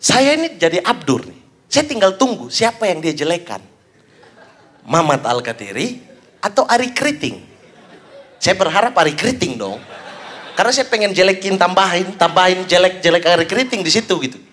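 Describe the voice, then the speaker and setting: A young man doing stand-up comedy, telling stories with animated acted-out voices. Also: normal speed. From Papua, Indonesia. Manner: animated storytelling, acts out high shouted voices of fans. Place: stage before a live audience.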